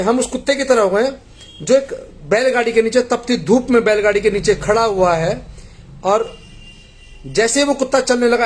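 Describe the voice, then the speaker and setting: A middle-aged man from India earnestly pleading with a congregation, telling parables in a devotional appeal. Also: high-pitched.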